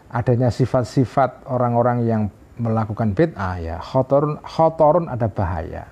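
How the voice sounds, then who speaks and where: Guy teaching religion, mellow dark voice, kinda dull lo-fi sound. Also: mid-range voice. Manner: explains Arabic text phrase by phrase with frequent "ya". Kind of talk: informal religious lesson. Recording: dull lo-fi recording.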